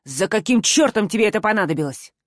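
A woman's voice: medium pitch, animated, quick pace, dry recording, close to an everyday voice. A stern, exasperated man, harsh and weary in his scolding, as a woman reads him in an audiobook. His voice sits in a dry, close recording with no room around it. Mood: angry scolding.

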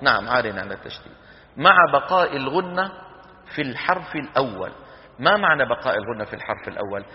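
A man's voice: mid-range voice, big pitch swings. A middle-aged man teaching Quran recitation to a class, firing questions at the students and demonstrating sounds aloud. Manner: asks students quick questions and answers them himself, demonstrating sounds aloud. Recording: dull lecture hall recording with long reverb.

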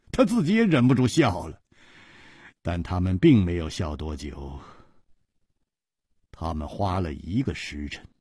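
A male storyteller gives expressive narration in a low, husky voice. His pitch swings widely, and he takes an unhurried pace. The sound is dry and close. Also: dry recording.

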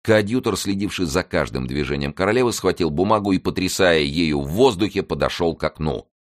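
A man narrates an audiobook with a very deep voice. His reading is measured and dramatic, and it stays steady from line to line. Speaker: audiobook reader. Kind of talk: scripted narration.

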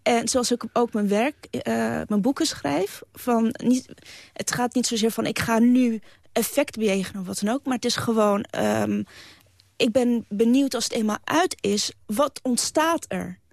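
A woman's voice: a little high, a little slow, creaky, no room sound, studio quality. A woman writer as a guest on a radio talk show, talking earnestly and with emphasis, often restarting her sentences.

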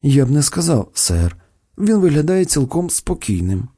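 A man's voice: fairly high pitch, very animated, normal speed, mellow, husky. A man voicing a discreet, formal and deferential valet in an audiobook. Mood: composed. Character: discreet, correct male valet.

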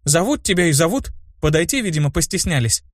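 A man's voice: fairly high pitch, sing-song, quick pace, no echo, studio quality, pitched above the performer's own voice. A man voicing a blunt, curious little girl in a fantasy audiobook. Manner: blunt, matter-of-fact.

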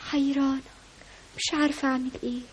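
A woman's voice: level tone, fast, slight background noise, close to an everyday voice. An actress playing a young woman in love who learns she was deceived, tearful and pleading, in an old radio drama. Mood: distraught. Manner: tearful, pleading, breaks into high cries. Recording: radio drama with music behind.

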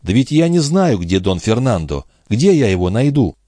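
A man's voice: on the low side, moderate pace, no room sound, voice pushed up. A man reading a storybook aloud, voicing an emotional young noblewoman in love who speaks with eager, breathless feeling. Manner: breathless, excited. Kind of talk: audiobook reading.

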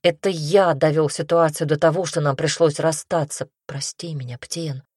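A remorseful, lovesick young man pleads slowly and sighs between words, as a woman reads him in an audiobook. The voice sits fairly low, and the recording is dry and close. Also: fairly even intonation, a little mellow, breathy edge, no echo. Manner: slow, sighing, pleading delivery. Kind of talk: audiobook reading.

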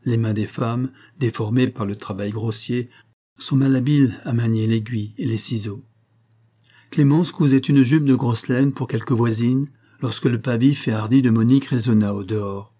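A man reading a classic novel aloud as an audiobook, narrating in a measured, even way. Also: mid-range voice. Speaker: audiobook reader.

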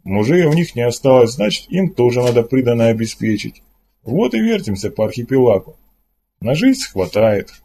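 A man's voice: medium pitch, animated, moderate pace, mellow, a little hiss or hum, lightly acted. A man voicing a stern male pirate commander in an audiobook, speaking in a dry, businesslike and curt way. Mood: matter-of-fact.

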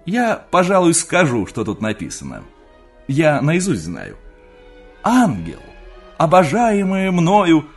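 A man reading aloud, voicing an excitable young nephew who pleads and teases in a raised, eager voice. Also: slow, husky, soft background music, heavily acted. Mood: excited. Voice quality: eager, pleading, high-strung. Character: excitable young man, teasing his uncle.

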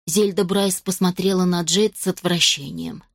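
A woman reading a novel aloud as an audiobook narrator, in an even, measured way. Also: lowish voice, dry recording, clean studio sound. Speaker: audiobook reader. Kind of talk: scripted narration.

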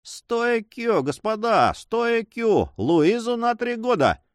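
A man voicing a mocking male auction agent who calls out bids in a drawling monotone. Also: very high voice, takes it slowly, clear, resonant tone, dry recording, clean studio sound, pitched above the performer's own voice, full character voice. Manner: drawling, sneering.

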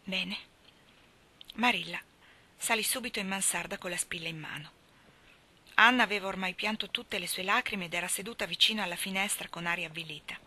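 A woman reading a novel aloud in a calm, even storytelling manner. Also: medium pitch, brisk. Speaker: reader. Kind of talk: audiobook reading.

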